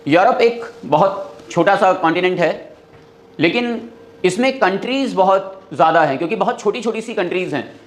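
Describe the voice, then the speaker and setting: High-voiced male teacher listing capitals. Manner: lists countries and capitals in a quick, steady rhythm; mixes Hindi with English phrases. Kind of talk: classroom lesson.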